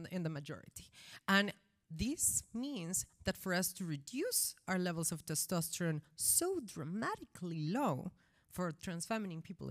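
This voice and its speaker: Brief: woman from Colombia, lower-pitched, passionate panel explainer. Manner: explanatory, rhetorical questions, passionate. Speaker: panel speaker. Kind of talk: panel discussion. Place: conference room.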